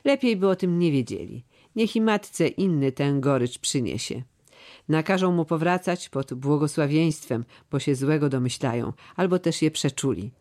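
A man's voice: on the high side, expressive, moderate pace, a little mellow, natural voice. A man reading the part of an aging, loyal steward who speaks in a solemn, earnest, old-fashioned way. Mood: grave, earnest. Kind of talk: audiobook character reading.

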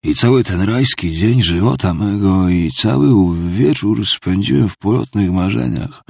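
Audiobook: man doing a boozy older male ex-clerk, raised gravelly voice, pleading, rambling, husky, dry close sound. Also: lowish voice, measured pace, darkish tone, no room sound, pitched above the performer's own voice, full character voice. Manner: pleading, rambling, theatrical confession. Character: drunken, self-pitying older male ex-clerk. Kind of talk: audiobook character reading.

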